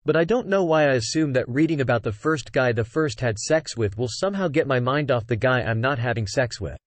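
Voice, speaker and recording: A man giving a lively, expressive first-person audiobook narration on a close mic. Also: mid-range voice, fairly quick, no room sound.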